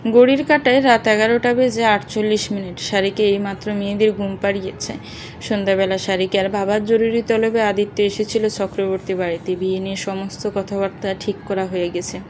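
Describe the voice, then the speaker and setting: A woman's voice: mid-range voice, flat delivery, a little fast, darkish tone, a little hiss or hum, poor audio. A woman reading an audio story aloud, narrating and speaking every character's dialogue in one voice.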